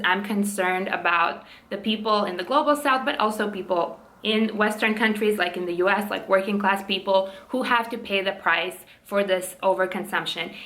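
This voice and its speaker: Young woman, casual vlogger, bright voice, fervent and chatty. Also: medium pitch. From Latvia. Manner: impassioned, rapid with many fillers. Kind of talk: casual opinion vlog.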